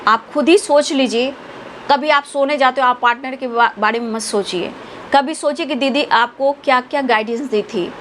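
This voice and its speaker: A woman's voice: sits high, moderate pace, fairly bright tone, a little hiss or hum. A woman tarot reader, giving spiritual guidance to her viewers in an earnest, affectionate, preachy way.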